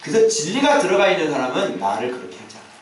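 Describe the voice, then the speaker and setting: A male pastor preaches in a lively, swinging voice that rises and falls, firing rhetorical questions at his congregation. His voice sits a little high for a man and carries a heavy echo, picked up from a distance in a church hall with faint background hum. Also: rapid-fire. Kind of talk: sermon. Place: church sanctuary. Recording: very echoey church hall, mic far off.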